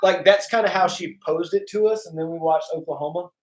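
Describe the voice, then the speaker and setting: A man's voice: high-pitched, fairly quick. A man hosting a podcast, chatting casually and telling anecdotes. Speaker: podcast host. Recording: roomy, echoing sound.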